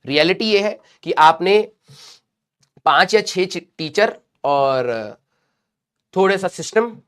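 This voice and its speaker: A male teacher speaks with a Hindi accent in a fairly high voice. He is unwell and talks slowly, but still lectures and scolds his students, calling them "beta.". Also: lively intonation, fairly bright tone. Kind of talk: lecturing students in a live class.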